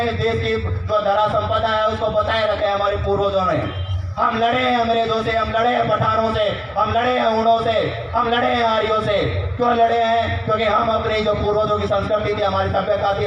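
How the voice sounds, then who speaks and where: A man's voice: high-pitched, fairly bright tone, roomy sound, far from the mic, lo-fi sound, slight background noise. A man giving an impassioned public speech at a convention, firing rhetorical questions at the crowd.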